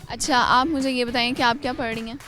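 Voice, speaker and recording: A woman host with a somewhat high voice chats with students on camera. She asks friendly, teasing questions in a casual way. Soft music plays faintly behind her. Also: steady tone, quick pace. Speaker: street interviewer and show host.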